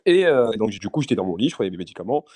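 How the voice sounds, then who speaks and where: Young man, animated storytelling, lively pitch, dry sound. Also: racing, dry recording. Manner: animated, repetitive restarts, laughing asides. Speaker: podcast host telling a story. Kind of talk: casual chat storytelling.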